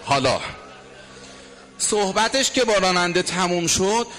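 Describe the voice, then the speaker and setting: A man preaching a sermon as a dramatic story, at times dropping to a hush or half singing. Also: sits high, expressive. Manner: dramatic storyteller, drops to hushed tones and half-sung lines. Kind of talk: emotional religious storytelling sermon.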